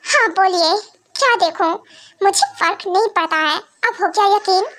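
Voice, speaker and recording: A woman's voice: extremely high pitch, normal speed, a bit bright. A woman voicing a stubborn young woman who coldly pushes her lover away, in an amateur fan drama. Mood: dismissive. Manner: fan dub acting, dismissive and curt. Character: stubborn young woman Kooki, cold and defiant.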